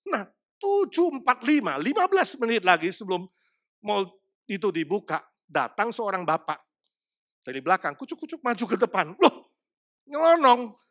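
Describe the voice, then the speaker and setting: A man, a pastor preaching a sermon to his congregation, moving between loud proclamations and quiet asides. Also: high voice, very animated, normal speed. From Indonesia.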